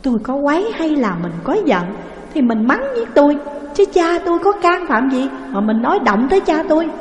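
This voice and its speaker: A woman voicing a gentle young wife who speaks softly and pleads. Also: a little high, measured pace, lightly acted. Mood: indignant. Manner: soft-spoken pleading turning to protest. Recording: echoey room with long reverb.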